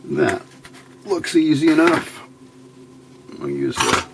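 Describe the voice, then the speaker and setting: At an indoor workbench, a hobbyist channel host runs an unscripted electronics build tutorial, muttering and thinking aloud as he works. His fairly high voice swings hugely in pitch, unhurried and edged with vocal fry, against a noisy background.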